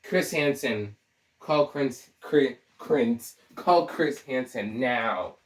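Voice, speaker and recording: A man's voice: medium pitch, drawn-out words. A young man with a sore throat giving scattered, joking commentary, often cutting himself off mid-thought. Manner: scattered, self-interrupting, joking. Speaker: video essayist. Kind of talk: rambling casual commentary. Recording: roomy, distant from the mic.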